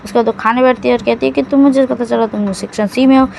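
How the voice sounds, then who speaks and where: A woman's voice: a little high, steady tone, fast, vocal fry, darkish tone, slight background noise, poor audio. Rambling woman retelling a drama plot. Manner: rambling, self-correcting, loose storytelling. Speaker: drama recap narrator. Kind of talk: casual Hindi plot recap.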